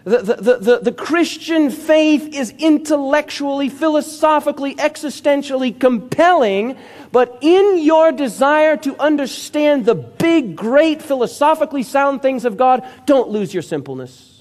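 A man's voice: very high-pitched, animated, a little slow, a little mellow. A male pastor preaching a sermon with emphatic storytelling and calls for amen.

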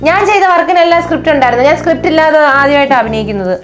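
Fast, high-pitched fussy woman. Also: expressive, over music. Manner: fussy, complaining, repeats lines nervously. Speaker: actress in a comedy sketch. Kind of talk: scripted comedy sketch acting.

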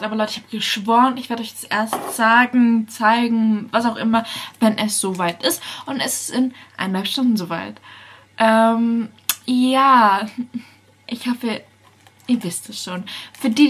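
Nervous, excitable young woman vlogger. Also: on the high side, breathy edge. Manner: nervous, excitable, drops into whispers. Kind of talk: casual vlog chat. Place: at home.

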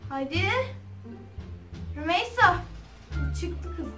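Excitable young woman gamer host, very high and animated, with game music behind her. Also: slow pace, distant mic. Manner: excitable, chatty, shrieks and giggles while playing. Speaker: gaming channel host. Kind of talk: casual gameplay commentary. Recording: echoey room, off-mic, game music behind.

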